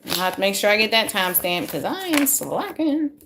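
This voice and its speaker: A woman giving a casual live tarot reading from a room at home, recorded on her phone. Her voice is turning a little hoarse, and her pitch swings widely as she chats and jokes with her viewers. A faint hiss sits behind her. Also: very animated, a little fast. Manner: chatty, self-deprecating, talks to viewers. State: losing her voice, a bit hoarse. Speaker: tarot reader.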